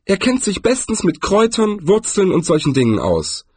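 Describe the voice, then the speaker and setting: Man playing a naive male tourist, chirpy, eager, high voice, husky, audiobook. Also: animated, unhurried, a bit bright, full character voice. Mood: cheerful. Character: cheerful naive male tourist, timid at times.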